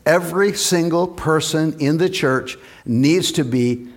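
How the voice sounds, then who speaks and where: A male pastor preaching a lively sermon in church and calling on the congregation for amens. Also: on the high side, measured pace.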